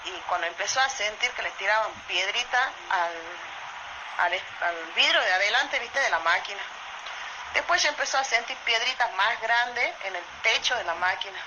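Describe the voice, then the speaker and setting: A woman with an Argentine accent from Salta, telling a true story in a voice message in a lively way, often asking "¿viste?". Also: a little high, moderate pace. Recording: muffled voice message with loud noise.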